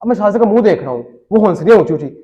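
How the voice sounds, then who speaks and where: A man's voice: high voice, animated, racing, dark tone, lo-fi sound. A man telling a comic story in a rambling way, repeating phrases, acting out both sides of the dialogue.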